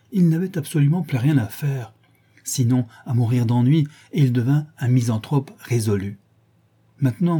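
A man's voice: medium pitch, dark tone, husky. A man reading a cool, lofty young aesthete. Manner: lofty, languid, self-assured. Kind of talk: audiobook character reading.

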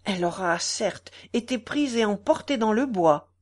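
A woman's voice: a little high, animated, normal speed, a little mellow, pitched above the performer's own voice. A woman reading aloud, voicing a grown male gamekeeper who speaks with urgency. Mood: urgent. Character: grown male estate gamekeeper, alert and anxious.

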